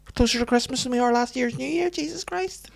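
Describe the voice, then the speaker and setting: A comedian with a Northern Irish accent guests on a podcast, chatting casually in a rambling, profane, joking way. His voice is gravelly and extremely high, and he talks fast.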